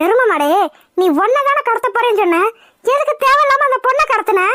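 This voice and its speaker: A woman voicing several cartoon women, among them a scolding mother-in-law and an angry young woman, in a sharp, scolding manner. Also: very high-pitched, expressive, brisk, a little hiss or hum, exaggerated voice. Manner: sharp, scolding, shouting insults. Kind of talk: Tamil cartoon voice acting.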